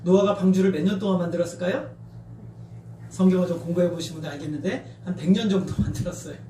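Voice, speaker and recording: A middle-aged male pastor preaches in a high voice, and he acts out shouts and taunts as he goes. His voice rings around the church sanctuary and comes from some way off the mic. A faint hum runs underneath. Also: fairly even intonation, quick pace, reverberant, distant mic. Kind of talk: sermon.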